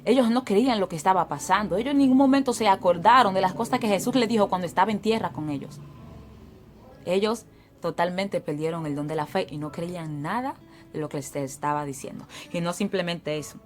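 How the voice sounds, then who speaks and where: A woman's voice: fairly low pitch, brisk, soft background music. A woman teaching a Bible story. She reads scripture aloud and explains it in a conversational preaching manner.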